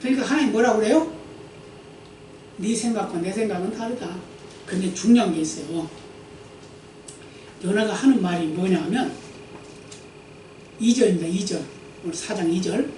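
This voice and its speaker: A man's voice: sits high, animated, moderate pace, pauses often, dark tone, a little hiss or hum. A man preaching a Sunday sermon as pastor, reading scripture aloud and explaining it with rhetorical questions to the congregation. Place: church sanctuary. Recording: echoey church hall, mic at a distance.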